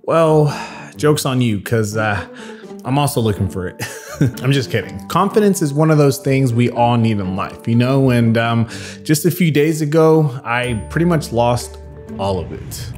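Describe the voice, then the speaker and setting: A man's voice: mid-range voice, lively intonation, unhurried, over music. A man in his twenties with a congested, nasal voice, casually vlogging to camera in a chatty, joking and self-deprecating way. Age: 20s. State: nasal, recovering from illness. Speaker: YouTube creator. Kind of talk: casual talking-to-camera vlog.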